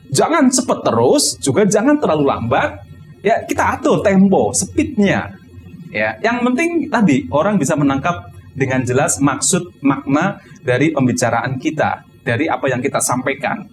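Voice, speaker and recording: A man giving an instructional talk on public speaking, explaining step by step and acting out high and low tones. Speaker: teacher.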